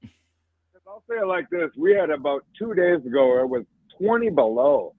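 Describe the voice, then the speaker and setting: A male caller on a bad, breaking-up phone connection, talking in an excitable, rambling way. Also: a little high, normal speed, dry recording. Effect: bad connection, breaking up phone line. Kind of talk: casual call-in chat. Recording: tinny, breaking-up phone line.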